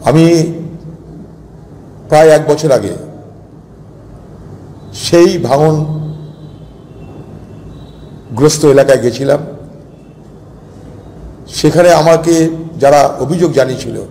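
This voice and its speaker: A man speaks as a politician, stressing each point in repeated rhetorical lists. His voice is a little high but dark and mellow in tone. Long reverb and faint background noise surround him. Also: extremely slow, pauses often. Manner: emphatic, repetitive rhetorical lists. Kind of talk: political speech to press.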